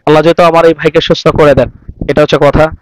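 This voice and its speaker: Man, religious healer, interviews family then preaches, formal, higher voice, slight background noise. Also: little pitch movement, fast, low-quality recording. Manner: formal religious address with Arabic blessings. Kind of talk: questioning then preaching to viewers.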